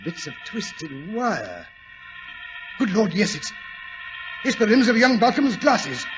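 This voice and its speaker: Muffled old-radio blustery English gentleman doctor. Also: high-pitched, sing-song, takes it slowly, music in the background, heavily acted. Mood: excited discovery. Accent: British. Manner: blustery exclamations, muttering to himself. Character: genial, excitable English gentleman doctor, Holmes's companion. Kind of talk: 1940s radio acting.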